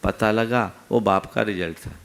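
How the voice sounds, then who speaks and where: A Jain monk preaches a sermon, posing rhetorical questions to his listeners and teaching through everyday anecdotes. His voice is lowish and gravelly, steady in tone, at a moderate pace.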